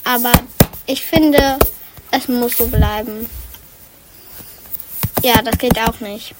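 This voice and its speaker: A woman's voice: on the high side, steady tone, takes it slowly, very noisy. A woman playing a sympathetic but firm young girl, consoling and matter-of-fact in improvised pretend play.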